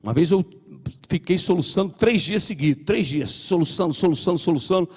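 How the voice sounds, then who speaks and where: A man's voice: high voice, expressive, brisk, darkish tone, husky, long reverb tail. A middle-aged man with a Brazilian Portuguese accent gives a personal testimony in church, earnestly re-enacting his own prayers and reading scripture aloud. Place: church hall.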